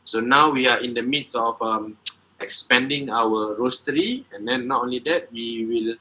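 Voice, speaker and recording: A man explains his business plans in a bright, forward voice. He pauses often and fills the gaps with "uh" and "um.". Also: medium pitch, a little hiss or hum, rough recording. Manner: hesitant, many filler sounds, halting phrasing. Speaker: coffee business owner presenting. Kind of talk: presentation and Q&A answers.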